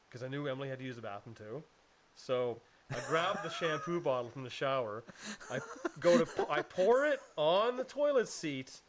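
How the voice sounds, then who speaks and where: Man, podcast co-host, casual chat, rambling and profane, slightly high voice. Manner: rambling storyteller, swears, acts out quotes.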